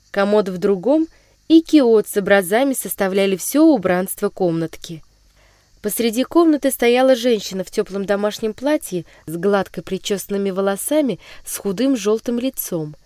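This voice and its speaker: A woman narrating a children's story in a measured, expressive reading voice. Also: medium pitch, no room sound, studio quality.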